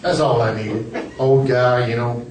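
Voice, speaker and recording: An older man doing a stand-up set in a comedy club, nervous and self-deprecating, with a halting delivery. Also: mid-range voice, fairly even intonation, heavy background noise. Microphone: camera out in the audience. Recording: roomy club, distant camera mic, laughing crowd. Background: audience laughter.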